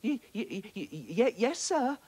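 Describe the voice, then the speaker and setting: A man voicing a timid little female fish in a children's story, with a stammering, squeaky manner. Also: sing-song, slow, a little mellow, full character voice. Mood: frightened.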